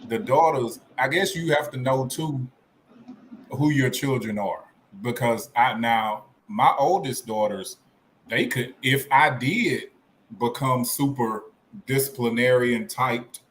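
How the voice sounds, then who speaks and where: An easygoing man hosting a casual podcast, joking at his own expense. His pitch sits mid-range. There is a faint hiss of background noise. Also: slow pace. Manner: easygoing, self-mocking humor. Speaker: podcast host. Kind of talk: casual chat.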